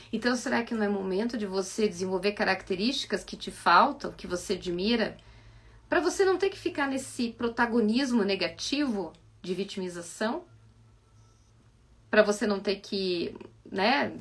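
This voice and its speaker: A woman with a Brazilian Portuguese accent, a psychoanalyst giving a reflective live-stream talk full of animated rhetorical questions. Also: medium pitch, breathy edge. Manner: asks many rhetorical questions, animated and coaxing.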